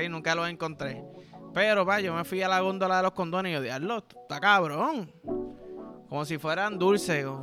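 A man's voice: high voice, pushed and bright. A young Puerto Rican man hosting a podcast, telling crude stories in a joking, casual way. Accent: Puerto Rican Spanish. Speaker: podcast host. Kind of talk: casual solo podcast monologue.

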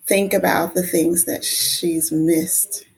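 A woman speaking as a podcast guest, reflecting personally in a measured, affirming way. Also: lowish voice, steady tone, gravelly, poor audio.

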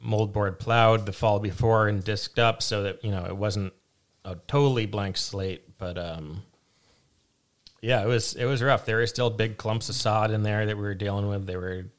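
Relaxed, lower-voiced man answering questions. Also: moderate pace. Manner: relaxed, hesitant with many fillers and restarts, laughs easily. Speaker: vegetable farmer guest. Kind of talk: casual interview answers.

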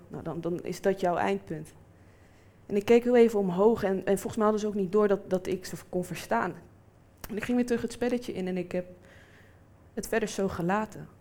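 A woman's voice: medium pitch, normal speed. A woman in her twenties telling a personal story and acting out the people in it. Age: 20s. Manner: lively, acts out quoted voices.

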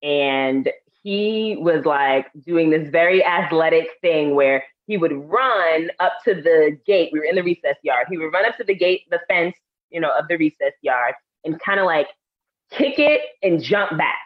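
A woman's voice: deep voice, expressive, moderate pace, muffled recording. A woman from Harlem, New York, co-hosting a casual chat and telling stories with a laugh. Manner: laughing, chatty storyteller. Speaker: co-host.

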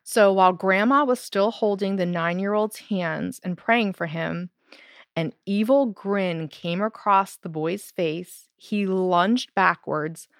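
A woman co-hosting a podcast casually recounts a true spooky story, animated and laughing now and then, and saying "so" and "like" a lot. Her voice is medium-pitched and slow, captured in clean studio sound with no echo.

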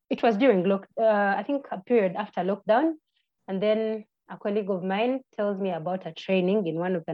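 Ugandan woman, twenties, chatty podcast guest, a bit muffled. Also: mid-range voice. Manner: friendly, halting, with restarts and fillers. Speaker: podcast guest, birding tour guide. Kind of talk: casual interview answers. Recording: slightly muffled lo-fi audio.

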